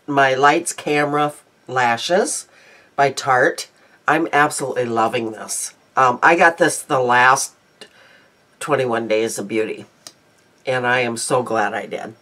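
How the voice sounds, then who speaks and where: A congested-sounding beauty vlogger in her fifties, her voice rumbling low with a fairly bright tone, talks in an unhurried way. She rambles chattily about her day and makeup in her daily vlog, with many ums. A close webcam picks her up in a small room at home.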